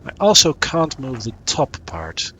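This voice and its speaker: A man's voice: medium pitch, very animated, unhurried, pushed and bright, slight background noise. A man streaming a puzzle game, thinking aloud in a casual, muttering way as he works through it. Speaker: gaming streamer. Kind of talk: casual let's-play commentary.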